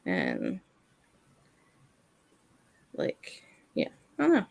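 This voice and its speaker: A woman's voice: very deep voice, huge pitch swings, drawn-out words, creaky, a little mellow, dry recording. A woman co-hosting a casual mom podcast, rambling and filling her talk with "like". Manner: rambling, heavy use of "like". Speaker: podcast co-host. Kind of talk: casual chat.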